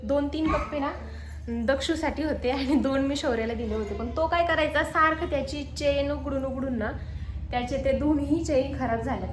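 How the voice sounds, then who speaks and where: A woman's voice: a little high, reverberant, background noise. A young woman chatting casually for her home vlog, filming on her phone. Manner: chatty, talks to her little son in a coaxing sing-song voice. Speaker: mom vlogger. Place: small room at home. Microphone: handheld phone.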